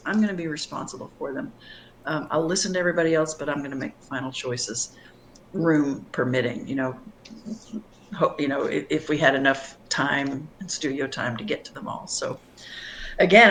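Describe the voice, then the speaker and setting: A middle-aged singer-songwriter from Long Island, New York, reflects on her music in an interview, often restarting her sentences. Her low voice sounds a bit bright. The audio is poor, with a little hiss or hum.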